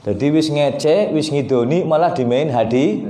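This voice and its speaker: A preacher with a Tegal Javanese accent delivers an animated sermon in a high voice, slipping local dialect into his talk. The sound rings in an echoey prayer room. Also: normal speed, slight background noise.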